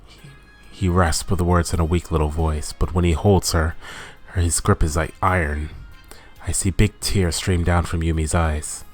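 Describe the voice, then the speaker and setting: Deep-voiced man reading game text. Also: faint music behind. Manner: steady, measured reading with small slips. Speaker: gaming channel host.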